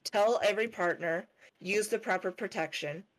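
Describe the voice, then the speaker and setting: A woman's voice: mid-range voice, normal speed. Woman chatting on a podcast, practical tips, easygoing. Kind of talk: casual chat.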